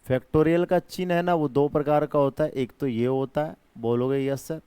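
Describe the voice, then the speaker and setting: A man's voice: fairly high pitch, fairly even intonation, moderate pace, dark tone, smooth, dry recording. A man teaching an exam-prep math lesson, coaxing students with pet names and repeated call-and-response prompts. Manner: calls students by pet names and himself their brother.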